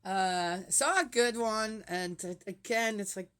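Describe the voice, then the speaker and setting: A woman's voice: mid-range voice, unhurried, fairly bright tone, clean tone. Chatty woman in her sixties. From Switzerland. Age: 60s. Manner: rambling, fires rhetorical questions at viewers. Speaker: vlogger reading the Bible. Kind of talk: casual chatty monologue.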